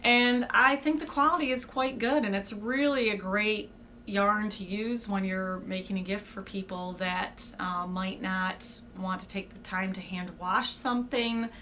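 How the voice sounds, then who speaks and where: A woman's voice: mid-range voice, steady tone, unhurried, sharp tone, slight background noise. A woman hosting a casual, unscripted craft podcast, chatting in a rambling, self-deprecating and informal way. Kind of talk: casual, unscripted video podcast chat about knitting.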